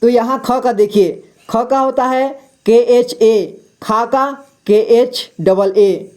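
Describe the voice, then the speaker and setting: A man's voice: very high-pitched, fairly even intonation, a little mellow. A man teaching Hindi reading, patiently spelling out syllables and checking in after nearly every phrase. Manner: slow, patient drilling of syllables, repeats "theek hai" constantly. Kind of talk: classroom-style explanation of letters and spellings.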